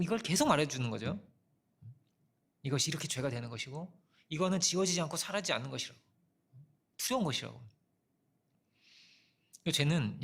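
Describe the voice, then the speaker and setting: A middle-aged male pastor with a fairly high, fairly bright voice gives a conversational sermon. He tells stories from his own life and asks rhetorical questions, frequently punctuated by a rhetorical "어?".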